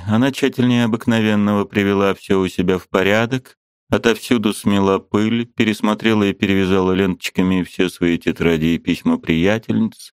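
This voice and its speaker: A man reading a classic novel aloud as an audiobook narrator, measured and unhurried. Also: sits low, clear, resonant tone, no room sound, clean studio sound. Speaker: audiobook reader.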